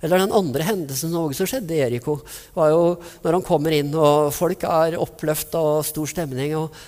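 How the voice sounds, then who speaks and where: Male preacher, slightly high voice, vivid storyteller, long hall reverb. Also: darkish tone. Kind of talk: sermon.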